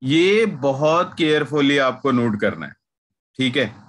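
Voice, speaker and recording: Guy teaching chemistry on a video call, talks real slow and drawn out, keeps repeating stuff so students get it. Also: medium pitch, animated, a bit bright. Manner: patient, repeats key points slowly to students; mixes Hindi with English terms. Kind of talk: online class lecture.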